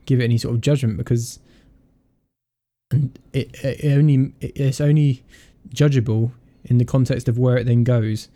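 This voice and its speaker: A man's voice: medium pitch, steady tone, normal speed, warm tone. A man hosting a casual podcast chat, joking, laughing often and restarting his sentences. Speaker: podcast host.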